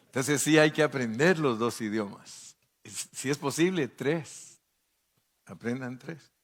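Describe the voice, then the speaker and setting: A man's voice: mid-range voice, takes it slowly. An older man preaching a sermon as pastor, telling folksy stories and acting out the people he quotes. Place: church.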